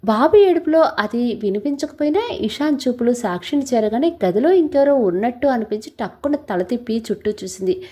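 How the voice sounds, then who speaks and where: A woman narrating a scripted story in a steady, even reading. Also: on the high side, brisk, breathy edge.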